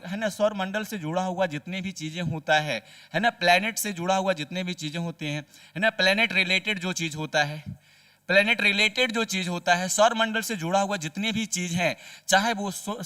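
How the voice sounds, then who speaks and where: A man teaching grammar with a Bihar accent, his voice high and ringing. He keeps asking the class questions and answering them himself, and he sounds a little distant from the microphone. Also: sharp tone. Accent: Hindi-speaking Bihar. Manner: repeats each answer after asking it aloud. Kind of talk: grammar lesson with rhetorical questions.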